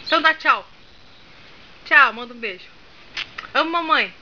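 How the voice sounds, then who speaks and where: Pushed and bright, this young mother's voice sits high, moving at a moderate pace with expressive delivery. Playful, coaxing and bossy by turns, she directs her little daughter through dancing and silly faces at home, recorded on a dull lo-fi home camera with noticeable background noise.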